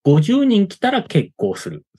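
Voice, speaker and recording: A man chats on a radio show with a warm, mellow tone. His voice moves up and down in a lively way. He keeps the talk going with short follow-up questions. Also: high-pitched, unhurried, slightly rough. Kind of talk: casual studio chat.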